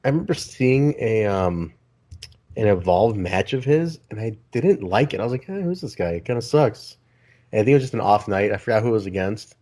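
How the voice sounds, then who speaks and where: A man co-hosting a wrestling podcast in casual chat, excitable, laughing and swearing freely. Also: lowish voice, a little fast. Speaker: podcast co-host.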